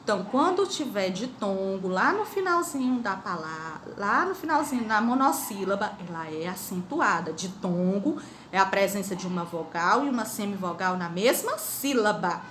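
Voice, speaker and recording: A middle-aged Brazilian woman teaching a grammar lesson to schoolchildren, explaining slowly and asking the pupils questions. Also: medium pitch, expressive, fairly bright tone. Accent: Brazilian Portuguese. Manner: slow, drawn-out explanations with repeated questions to pupils. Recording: echoey room with faint noise.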